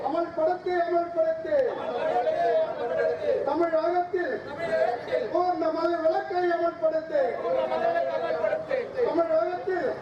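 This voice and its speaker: A man with a very high, flat voice chants slogans through a megaphone, slow and insistent, each phrase repeated. The sound comes from a distance, boomy and echoing across the open street, with a loud crowd all around. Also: dull audio. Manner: shouted, repetitive rhythmic chanting. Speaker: protest slogan leader. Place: outdoor street protest.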